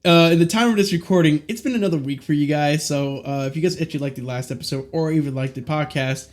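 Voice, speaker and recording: A man's voice: on the high side, fast, a little mellow. A man hosting a casual podcast, hyped and cursing, often stumbling over his words. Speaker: podcast host.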